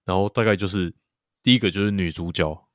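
A deep-voiced man co-hosts a podcast, casually chatting about a TV series in a loose, rambling way full of fillers and repeated agreement. He talks a little fast with a fairly bright tone. The audio is clean studio sound with no room echo.

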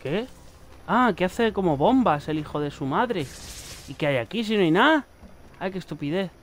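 A man with a Spain Spanish accent giving excitable gameplay commentary, swearing and shouting warnings at the screen. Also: high voice, normal speed, a little hiss or hum. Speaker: gaming youtuber.

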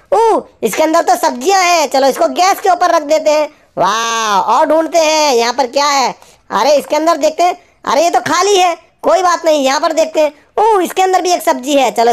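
A woman hosting a children's toy video, narrating toy play in an animated way, scolding and cooing at the toys. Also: sits high. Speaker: toy channel host.

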